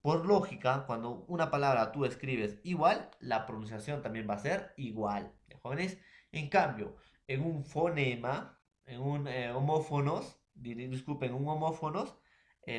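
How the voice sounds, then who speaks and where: Casting: Peruvian male teacher, mid pitch, explains slowly and checks in with the class, roomy echo. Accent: Peruvian Spanish. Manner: repetitive, addresses students and fellow teachers, asks rhetorical questions. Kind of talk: recorded remote class lecture. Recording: echoey room.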